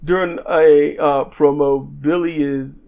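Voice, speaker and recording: A man's voice: on the high side, fairly even intonation, takes it slowly, vocal fry, warm tone. A man co-hosting a podcast, casually recapping a wrestling show with lots of ums and restarts, acting out what people said. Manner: rambling recap with frequent ums and restarts, acts out quotes. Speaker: podcast co-host. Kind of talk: casual wrestling review chat.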